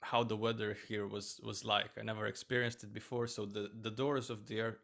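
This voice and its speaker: Guy, a bit gravelly, chatty and relaxed, lots of ums. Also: lowish voice, a little fast. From Romania. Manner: relaxed, chatty storytelling with fillers. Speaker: host, flight attendant. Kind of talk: casual chat.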